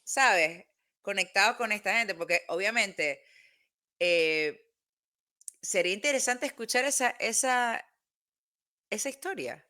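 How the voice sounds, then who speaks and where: A woman's voice: medium pitch, lively intonation, measured pace, long pauses, bright, forceful tone. A Venezuelan woman from Maracaibo, hosting a podcast and asking long, eager questions. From Venezuela, Zulia. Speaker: podcast host. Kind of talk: casual interview.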